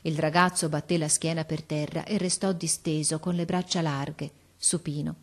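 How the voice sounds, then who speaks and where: A woman narrating a storybook in a calm, measured way. Her voice sits on the low side, and her reading is clear and expressive.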